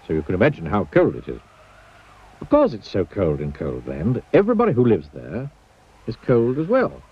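A man narrating a children's storybook in a playful, expressive way. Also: fairly low pitch, moderate pace, slightly rough. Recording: dull lo-fi old TV soundtrack.

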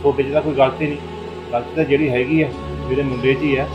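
A man's voice: mid-range voice, little pitch movement, fast, dull audio, music in the background, close to an everyday voice. An actor playing a middle-aged father-in-law who keeps apologizing and pleading to make peace, in a village family drama. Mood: apologetic. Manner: pleading, apologetic, repeats himself.

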